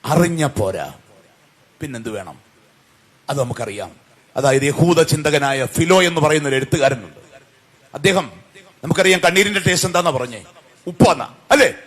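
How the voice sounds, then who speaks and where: A male preacher giving a sermon, firing questions at the congregation and swinging from loud calls to soft, low answers. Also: lively intonation, moderate pace, long pauses, slightly rough. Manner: call-and-response questions to the congregation.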